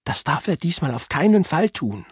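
A woman's voice: deep voice, big pitch swings, moderate pace, breathy edge, no room sound, studio quality, voice pushed up, heavily acted. A man voicing a serious, sensible young girl in a children's audiobook, earnest in tone. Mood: alarmed.

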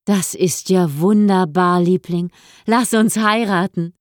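A woman voicing an eager, adoring young man who is overjoyed to marry, speaking warmly and tenderly, in an audiobook. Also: lowish voice, normal speed, no echo, clean studio sound, lightly acted. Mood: joyful. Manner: warm and tender.

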